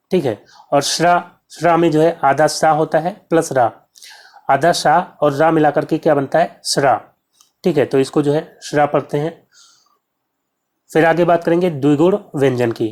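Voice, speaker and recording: A man teaches an exam-prep grammar lesson. He asks a question and answers it himself. He slows down to say each sound clearly so students can copy it. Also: fairly high pitch, a little mellow. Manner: explains step by step, asks and answers his own questions; repeats sounds slowly to show pronunciation.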